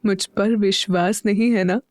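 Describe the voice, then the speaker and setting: A woman reading the part of a young man, a loving older brother who speaks gently but turns firm when pressed. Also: high-pitched, fairly even intonation, moderate pace, no room sound, studio quality, natural voice. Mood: tender. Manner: gentle and tender, turning firm.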